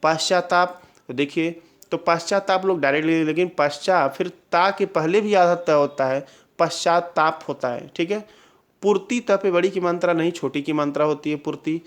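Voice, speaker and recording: Male exam tutor, slightly high voice, drilling style with constant check-ins. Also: moderate pace. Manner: drills answers with repeated questions and "clear?" checks. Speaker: exam-prep teacher. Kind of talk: Hindi spelling lesson.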